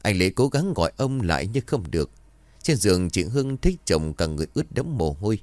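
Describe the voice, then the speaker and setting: Lively male ghost-story narrator, low and dry. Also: fairly quick, dry recording. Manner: reads all characters in his own voice, lively intonation.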